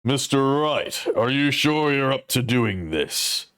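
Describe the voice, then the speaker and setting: A man doing a slow, measured old judge. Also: mid-range voice, expressive, fairly bright tone, smooth.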